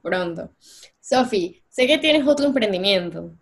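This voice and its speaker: Woman host, casual interview, friendly and encouraging, mid pitch. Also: animated, measured pace.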